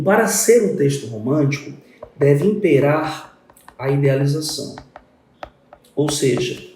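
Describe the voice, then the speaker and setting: A man's voice: fairly high pitch, a little mellow, echoey room, recorded from a distance, slight background noise. A male literature teacher, explaining a poem step by step and counting syllables aloud. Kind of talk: exam-prep literature lesson.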